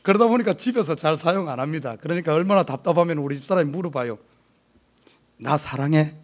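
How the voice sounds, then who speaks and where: Storytelling pastor with a Gyeongsang accent. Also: male voice, on the high side, very fast. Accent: Gyeongsang Korean. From South Korea. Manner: storytelling with humor, lively and animated. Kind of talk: sermon with personal story. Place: church sanctuary.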